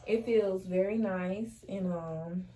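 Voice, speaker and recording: Recorded roughly on a camera across her small bedroom, a young fashion vlogger talks through a clothing haul with plenty of sass and slang. She speaks slowly in a warm, mid-range voice, with slight background noise.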